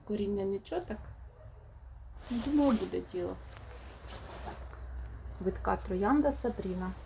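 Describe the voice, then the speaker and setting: Unboxing rose seedlings, this mother of a young child talks warmly and chattily to her audience on her rose gardening vlog. She has a medium-pitched, gravelly, mellow voice with lively intonation and a measured pace, and some faint background noise is present.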